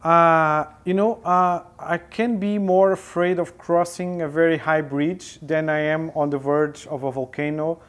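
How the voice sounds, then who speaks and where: Slightly high and level, his bright-edged voice moves unhurriedly with few pauses. He's a Portuguese-accented photojournalist in his forties, a guest on a lapel mic in a sofa-furnished studio, considering each interview answer and hesitating often with fillers.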